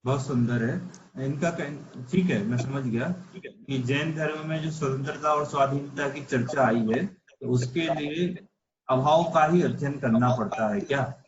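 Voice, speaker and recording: A man's voice: medium pitch, a little slow, muffled recording, slight background noise. Man teaching over an echoey call. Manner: explains patiently with rhetorical questions. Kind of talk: online religious philosophy class. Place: online video call class.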